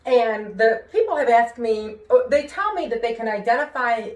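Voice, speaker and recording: In an echoey room, a singer and show host from New York speaks at a normal speed in a slightly high voice. Her speech reflects hearing impairment, her r sounds leaning toward w, and she talks personally and conversationally with careful pronunciation, practiced inflection, and expressive emphasis.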